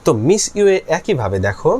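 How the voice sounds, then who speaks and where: Male tutor, slightly high, animated delivery, repeats words to demonstrate sounds. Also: fairly quick, slight background noise. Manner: repeats words aloud to model sounds, asks and answers own questions. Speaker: linguistics tutor. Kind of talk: explanatory lecture.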